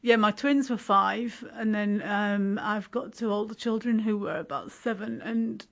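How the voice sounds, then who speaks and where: A woman's voice: mid-range voice, unhurried, vocal fry, fairly bright tone. A woman in her forties from West Yorkshire with a slight Yorkshire accent, a guest talking in a casual interview with wry, self-mocking humour. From West Yorkshire, England. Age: 40s.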